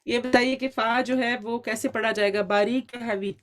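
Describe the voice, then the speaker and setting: A woman's voice: on the high side, steady tone, a bit bright. Encouraging woman teaching an online Quran class. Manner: encouraging, quizzes students, mixes English words into Urdu. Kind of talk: online Quran recitation lesson.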